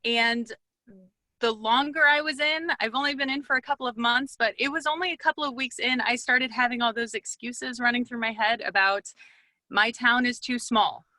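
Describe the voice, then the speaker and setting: Bright upbeat woman in parked car. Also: on the high side, steady tone, brisk, no echo, rough recording. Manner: upbeat, chatty with frequent ums. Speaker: guest speaker. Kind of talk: casual online talk. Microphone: headphones.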